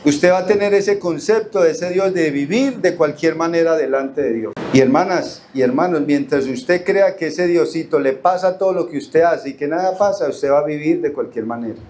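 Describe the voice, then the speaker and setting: A man's voice: on the high side, moderate pace, hardly any pauses, a little mellow, slight background noise. A man with a Colombian accent preaching a Bible study, reading verses aloud and putting questions to the congregation. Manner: asks the congregation questions and answers them; reads verses aloud, drawing out key words. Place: church hall.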